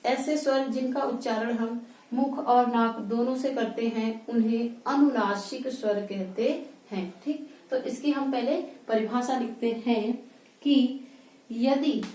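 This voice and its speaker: A woman teaching Hindi grammar at a whiteboard, speaking slowly and repeating words as she writes them. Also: a little high, steady tone, dark tone, reverberant, far from the mic, rough recording. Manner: slow, repeats words while writing.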